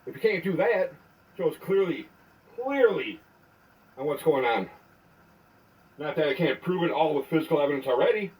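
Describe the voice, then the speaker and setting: A man's voice: on the high side, animated, moderate pace, pauses often, a little mellow, distant mic, poor audio. A man leaving an angry, confrontational voicemail as a caller with a complaint, swearing as he goes. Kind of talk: spoken phone complaint.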